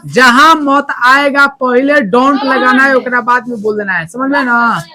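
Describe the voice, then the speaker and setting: A male teacher runs loud, repetitive English drills for a classroom, often checking that the students understand. His voice is extremely high-pitched and his delivery unhurried.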